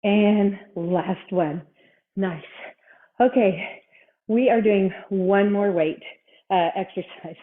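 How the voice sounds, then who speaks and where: A woman instructor leading a workout, exercising along as she gives short cues and encouragement. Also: medium pitch. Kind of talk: workout coaching, counting reps and cueing moves. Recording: thin, phone-like, band-limited sound.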